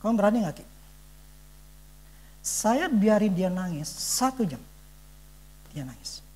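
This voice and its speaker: Man, father's church testimony, lively pitch, earnest, emphatic, searching for words. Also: measured pace. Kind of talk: conversational sermon testimony.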